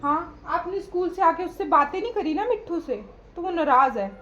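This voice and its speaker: A woman's voice: very high voice, expressive, normal speed, a bit bright, highs cut off. A woman, coaxing a pet in a repetitive sing-song voice at home. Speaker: mother and pet owner. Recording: background noise.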